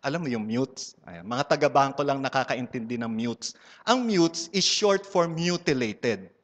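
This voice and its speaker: A man's voice: mid-range voice, animated, unhurried. Filipino guy telling a funny church story, switching languages, teasing the crowd, big echoey hall. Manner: playful storyteller, mixing Tagalog and English and teasing the audience. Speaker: speaker at a church community gathering. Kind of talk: humorous testimony talk. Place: large hall before a live audience. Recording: long hall reverb.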